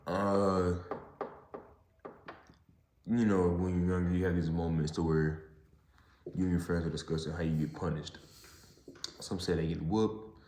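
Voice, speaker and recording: Young dude with a deep voice doing a halting chatty solo podcast in a parking garage, lots of echo. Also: male voice, little pitch movement, darkish tone, a little hiss or hum. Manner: halting, repeats and rephrases himself. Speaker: podcast host. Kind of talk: casual solo monologue. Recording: echoey garage.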